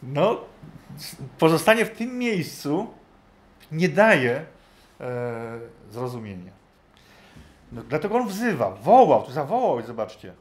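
Higher-voiced man teaching a Bible class. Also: sing-song, slow, long pauses. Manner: thinking aloud, often tagging questions to the listeners. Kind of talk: conversational Bible teaching to a group.

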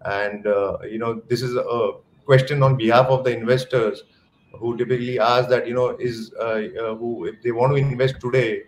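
A man's voice: mid-range voice, fairly even intonation, a little hiss or hum. Man, Indian English accent, host, hesitant with lots of uhs, reverberant room over video call. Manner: halting, heavy fillers, questioning. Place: indoor room.

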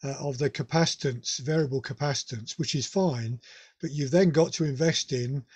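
A man with a Northern English accent hosts a radio club meeting over video call, talking casually with lots of restarts and fillers. His voice is medium-pitched and darkish with a breathy edge, at a normal speed.

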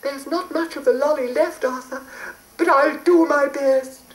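A woman's voice: fairly even intonation, unhurried. Cooing plump fairy, voiced by a woman. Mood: fussing. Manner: high, soft, cooing. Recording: roomy old cassette recording.

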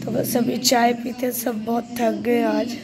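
A young woman from Pakistan with a hoarse voice, talking casually to camera in a family vlog. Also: on the high side, flat delivery, a little slow, a loud crowd. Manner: chatty, repeats pious phrases. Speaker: vlogger.

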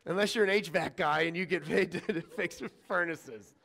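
A male pastor preaching a sermon in an animated, conversational way, acting out scripture dialogue and chatting with the congregation. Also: high-pitched, moderate pace, gravelly. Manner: animated, acts out quoted lines with shifting voice.

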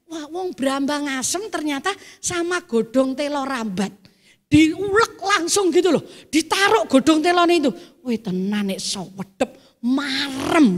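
High-voiced Javanese woman preaching. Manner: lively, chatty, mixes in Javanese, swells to loud exhortation. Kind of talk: sermon with storytelling. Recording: echoey church hall.

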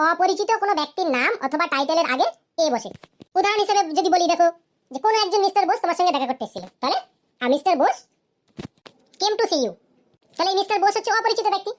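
A woman teaching a cartoon grammar lesson, asking questions and answering them herself, and saying her English examples slowly. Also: very high-pitched.

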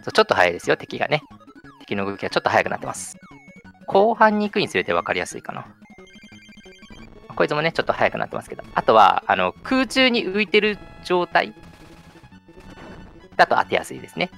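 Chatty male speedrun commentator: lively swinging pitch, gravelly low voice, faint game music underneath. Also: fast, long pauses. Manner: chatty, lots of sentence-final "ne" tags.

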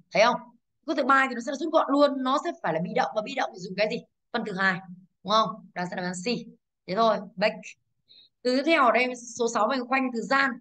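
In an exam review lesson, a Vietnamese-accented woman teacher of English talks in a fairly high, slightly bright voice. She patiently explains answers, checks in with rhetorical questions, and self-corrects.

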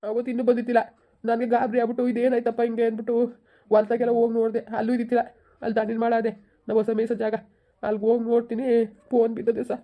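A woman's voice: fairly high pitch, level tone, very fast, highs cut off, lightly acted. A woman playing a sobbing village husband. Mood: pleading. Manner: pleading, sobbing speech. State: crying. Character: grieving village husband, man, middle-aged. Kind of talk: village drama acting.

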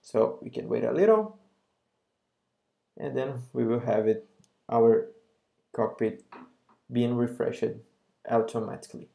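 A man, a software solution architect, narrating a screen-recorded software demo in a relaxed explaining way with frequent pauses and fillers. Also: mid-range voice, gravelly.

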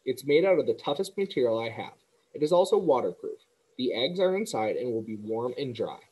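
A frail, wise spider speaking softly and wearily, voiced by a man reading a children's book. Her voice is slightly breathy and tired, gentle even when scolding. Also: mid-range voice, fairly quick, rough recording. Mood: weary, gentle. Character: weak, fading female spider, gentle and wise.

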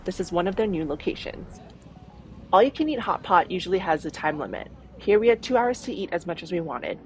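With a fairly low, very animated voice and a slightly quick pace, a woman from Taiwan voices over her travel vlog. She sounds like an upbeat, informative tour guide, and soft music runs faintly underneath.

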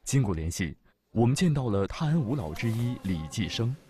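A man narrating a travel documentary in a measured, formal way. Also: mid-range voice, very animated, noisy background. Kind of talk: scripted narration.

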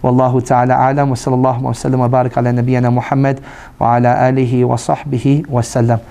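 Imam, hoarse voice, even and dark, chatty religious lecture with q&a. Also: male voice, medium pitch, fast talker. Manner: relaxed, conversational, frequent "you know". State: hoarse, voice recovering. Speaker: imam teaching a study circle.

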